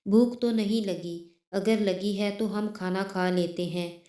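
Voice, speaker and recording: Woman reading as a gentle coaxing young husband. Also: medium pitch, steady tone, slow, echoey room, lightly acted. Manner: soft, soothing, pleading.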